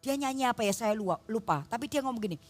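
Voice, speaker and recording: Seorang pendeta wanita berlogat Jawa berkhotbah di gereja dengan suara yang agak tinggi. Ia bercerita dengan ekspresif dan sering menyapa jemaatnya secara langsung. Di belakangnya terdengar musik yang samar. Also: female voice, a little high, quick pace, soft background music. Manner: expressive, storytelling, addresses the congregation. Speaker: pastor. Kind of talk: sermon. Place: church.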